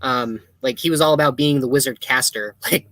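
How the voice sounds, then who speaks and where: A man talks fast in a bright, forceful voice, cracking wry jokes on a podcast. His sound is dry and close, with no room echo. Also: mid-range voice. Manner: quick, joking, wry. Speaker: podcast panelist. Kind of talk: casual chat.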